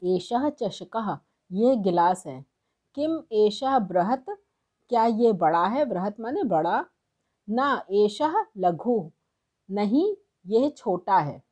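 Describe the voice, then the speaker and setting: A woman's voice: medium pitch, big pitch swings, dark tone, highs cut off. A woman teaching a textbook lesson, reading lines aloud and translating them, spelling out words syllable by syllable. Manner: slow, spelling out syllables one by one. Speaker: Sanskrit teacher.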